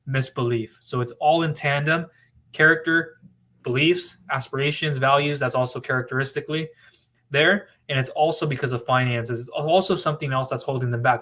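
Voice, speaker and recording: A man from Southern California hosts a casual livestream and answers viewers. He speaks confidently at a middle pitch with a bright, forward tone. His talk rambles, loops back and repeats itself. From Orange County, California. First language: bilingual in English and Spanish. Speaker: business funding broker hosting a livestream.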